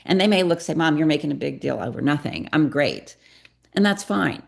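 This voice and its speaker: A woman's voice: deep voice, lively intonation, a little fast, vocal fry. A middle-aged woman guest on a podcast, earnestly telling a personal story and acting out bits of dialogue. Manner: earnest, confessional, acts out dialogue. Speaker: guest, psychotherapist and parenting coach.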